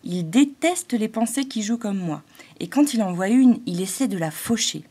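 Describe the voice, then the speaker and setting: A woman's voice: medium pitch, lively intonation, normal speed, mellow, natural voice. A woman voicing a timid little female thought-spirit, a glowing halo, in a fairy-tale audiobook. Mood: earnest. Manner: shy, hesitant, growing earnest.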